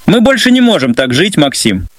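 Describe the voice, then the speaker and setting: A man's voice: fairly high pitch, very animated, moderate pace, dry recording. A man voicing a distraught middle-aged yacht captain who pleads with his rebellious son. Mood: pained. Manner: pleading, shaken.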